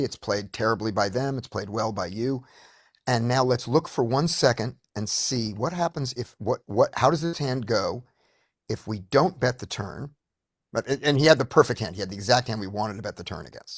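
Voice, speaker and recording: A man's voice: mid-range voice, normal speed, no room sound, clean studio sound. A man leading a poker study group on a video call, explaining step by step with frequent restarts. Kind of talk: casual teaching discussion.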